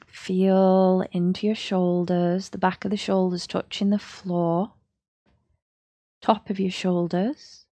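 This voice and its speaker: A woman, a yoga teacher leading a slow, soothing guided body-scan relaxation. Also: on the low side, level tone, mellow, no room sound.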